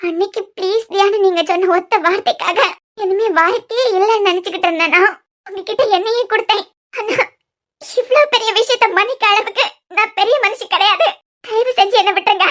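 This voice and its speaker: A voice actor playing a hurt but resolute young wife in a cartoon serial, with a Kanyakumari Tamil accent, pleading yet firm. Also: fairly quick. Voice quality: very high, bright voice.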